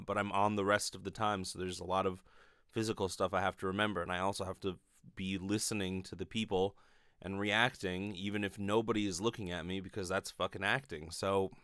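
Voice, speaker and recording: A lowish, pushed and bright voice with a clean tone: a man in his thirties who hosts a podcast, acts and teaches acting. His monologue is casual, sweary and rambling, with frequent hesitations and "like." He's indoors in a small bedroom using a close studio microphone on a stand, and no room sound comes through.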